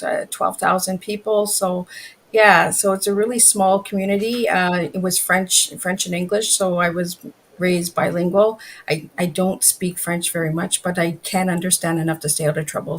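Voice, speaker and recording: A woman's voice: fairly low pitch, steady tone, moderate pace, a little hiss or hum, low-quality recording. A woman from northern Ontario, a guest in a casual interview, talking candidly and openly about her own life. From northern Ontario, Canada. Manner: candid, open and emotional.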